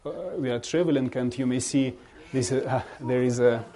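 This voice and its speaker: Halting Russian-accented man, mellow voice. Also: mid-range voice, fairly even intonation. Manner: halting, searching for words in non-native English. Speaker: bishop giving a guest presentation. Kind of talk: informal slideshow talk to an audience.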